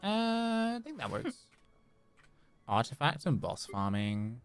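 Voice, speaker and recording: Livestreaming a video game, a man chats playfully, repeats phrases, and sometimes reads dialogue aloud while game music plays behind him. His voice is a little high, clear and resonant, slow, with huge pitch swings.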